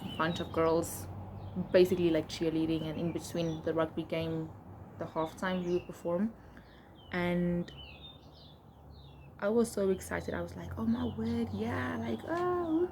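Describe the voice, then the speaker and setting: A young woman with a South African accent speaks in a slightly low register. She reads aloud and adds chatty, expressive asides like a casual vlogger. There is noticeable background noise in the recording. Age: young adult. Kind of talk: casual reading of old diary entries with asides.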